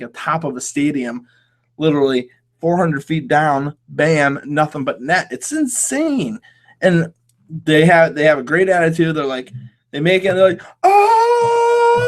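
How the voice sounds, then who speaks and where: Rambling man hosting a solo podcast. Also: on the high side. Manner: rambling, hesitant, many restarts. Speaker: podcast host. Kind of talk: casual solo podcast chat.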